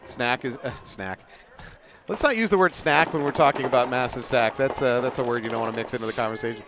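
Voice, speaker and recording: A man's voice: medium pitch, a little fast, background noise. Man, sports co-commentator, chatty, joking, banters with his partner. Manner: joking, chatty, laughs often. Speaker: paintball co-commentator.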